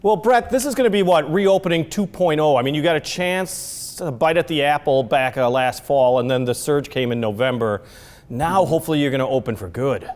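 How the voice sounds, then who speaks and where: Male local TV host, folksy and conversational, slightly high voice, roomy reverb. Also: a little mellow. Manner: conversational, folksy, quick to jump in. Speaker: TV talk show host. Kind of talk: local TV interview.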